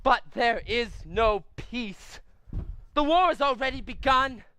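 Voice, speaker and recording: A man's voice: extremely high pitch, lively intonation, slow, pushed and bright, slight background noise, exaggerated voice. A man voicing a fiery orator in a cartoon, speaking in an impassioned, declamatory way. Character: fiery orator rousing colonists to war.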